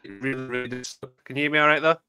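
A man's voice: mid-range voice, steady tone, racing, pushed and bright, clean tone, no room sound, faint music behind. A man hosting a casual chat over an internet call whose connection keeps breaking up. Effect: choppy, breaking-up internet connection. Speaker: podcast host.

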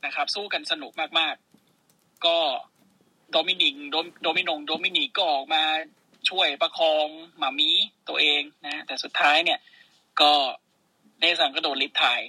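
Excitable Thai-speaking man, bright and husky. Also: a little high, unhurried, dry recording, rough recording. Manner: excitable, swearing, play-by-play storytelling. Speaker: podcast co-host. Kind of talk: casual wrestling recap.

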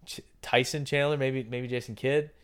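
A man at a middle pitch, holding forth in a loose, conversational podcast style. He is opinionated and often breaks off to restart his sentences. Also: flat delivery, normal speed, clean tone. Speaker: podcast host. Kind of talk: casual basketball talk.

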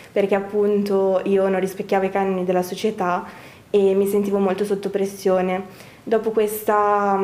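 A woman's voice: mid-range voice, darkish tone. A woman of twenty-one, explaining her work as an interview guest, slightly muffled by a face mask. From Brescia, northern Italy. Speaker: interview guest, young fashion designer. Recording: roomy, echoing indoor sound.

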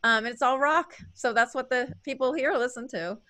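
A woman hosting a casual interview with a bright, forward voice pitched a bit high. She chats freely and laughs easily. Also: moderate pace. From lives in Wyoming. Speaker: interview host.

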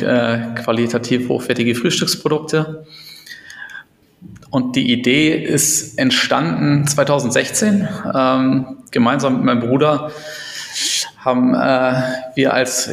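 A man's voice: medium pitch, vocal fry, a bit bright. A middle-aged man from Berlin, a company co-founder, talking hesitantly with many fillers in a casual interview. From Berlin, Germany. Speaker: co-founder guest. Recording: echoey room with long reverb.

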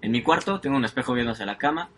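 A man's voice: medium pitch, animated, very fast, fairly bright tone. A young man, co-hosting a podcast and telling blunt anecdotes full of swearing. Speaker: podcast co-host. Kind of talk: casual chat.

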